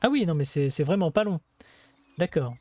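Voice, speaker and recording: A man's voice: fairly high pitch, lively intonation, normal speed, warm tone. A man hosting a gameplay video, casually explaining the game in a chatty way with many hesitations and asides.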